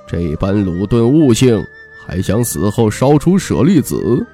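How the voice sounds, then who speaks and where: A man voicing a teasing, sly middle-aged male monk who talks in a slow, mock-serious drawl. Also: on the low side, very animated, warm tone, faint music behind, pitched below the performer's own voice. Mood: scolding.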